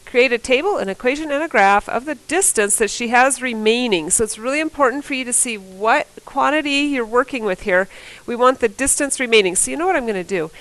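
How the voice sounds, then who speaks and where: A woman's voice: on the high side, fairly quick, a bit bright, poor audio. A woman teacher with a cold, working through math problems on a board in a casual, think-aloud way and correcting herself as she goes. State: fighting a cold. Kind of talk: recorded classroom lesson, working problems on a board.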